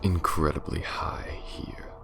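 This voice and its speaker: A man voicing a smug, menacing aristocratic vampire lord in an ASMR roleplay, gravelly and breathy, often sinking to a whisper, with a pompous, taunting drawl. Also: slow pace, close to an everyday voice.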